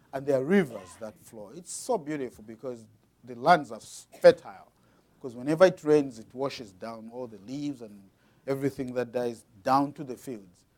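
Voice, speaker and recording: A man from Zambia preaching a sermon, explaining patiently to the congregation and reading aloud with dramatic swings in loudness. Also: mid-range voice.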